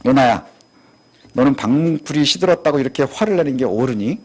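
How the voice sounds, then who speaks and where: God speaks in a calm, lower male voice and patiently reasons with a stubborn prophet, as a preacher acts out the scripture. The lines are measured and questioning, and they carry a gentle reproof. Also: close to an everyday voice. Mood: gently reproving.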